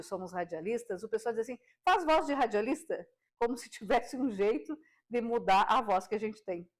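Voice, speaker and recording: A woman, a radio broadcaster, giving an expressive speaking lesson to the viewer with many rhetorical questions. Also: fairly high pitch. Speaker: radio broadcaster and communication teacher. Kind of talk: direct-to-camera speaking lesson.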